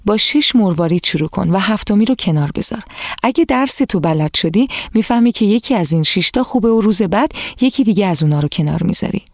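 A storyteller voicing a kind, patient old woman who used to be a teacher, speaking gently with a slightly whispery softness in a children's storybook reading. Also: medium pitch, expressive, no echo, studio quality. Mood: gentle.

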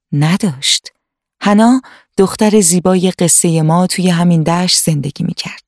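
A woman narrating a children's fairy tale in a calm, steady storytelling manner. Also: on the low side, dry recording, clean studio sound. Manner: calm, warmly paced storytelling.

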